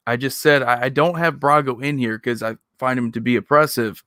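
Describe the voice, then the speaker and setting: A man's voice: medium pitch, fairly even intonation, brisk, sharp tone, no echo, studio quality. A man hosting casual reaction commentary, talking in a rambling, self-critical way. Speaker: video host reacting to own old videos.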